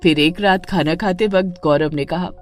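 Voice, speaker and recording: A woman narrating an animated family story in a scripted, expressive way. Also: fairly low pitch, moderate pace.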